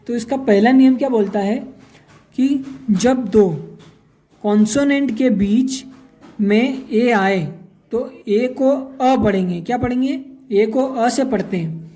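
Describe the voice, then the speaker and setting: A woman's voice: a little high, dark tone. A woman teaching a spoken English lesson, asking questions and answering them herself and spelling out example words letter by letter.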